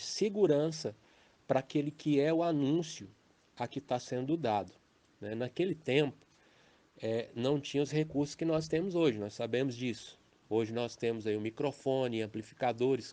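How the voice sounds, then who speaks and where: A Brazilian Portuguese man delivers a recorded lesson on preaching in a warm, mellow voice. He speaks in a measured, explanatory way. He often checks in with the listener with a quick questioning tag. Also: mid-range voice. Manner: measured, explanatory, with frequent "né" and "tá" tags. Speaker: preacher teaching a formation course. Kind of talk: recorded teaching audio. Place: home recording for a messaging app.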